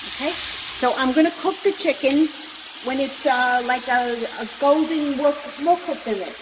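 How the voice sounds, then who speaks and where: A woman's voice: sits high, normal speed. A mature woman with a Brooklyn accent casually talking through a home-cooking demonstration as she works. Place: echoey apartment kitchen, indoors. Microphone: handheld camera, no tripod. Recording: echoey room with clear frying sizzle noise. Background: sizzling pan and stirring.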